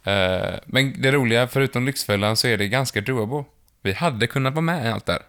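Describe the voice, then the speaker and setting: A man's voice: medium pitch, fairly bright tone. A man from southern Sweden with a Scanian accent, co-hosting a casual podcast and rambling and correcting himself as he talks. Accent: Scanian Swedish. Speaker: podcast co-host.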